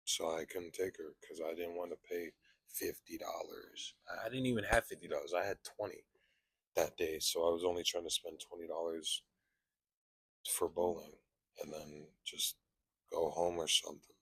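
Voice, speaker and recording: A man's voice: low-pitched, fairly even intonation, normal speed, vocal fry, fairly bright tone, husky, no echo. A young man hosting a podcast, chatting casually with lots of profane slang. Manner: laid-back, profane slang. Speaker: podcast host.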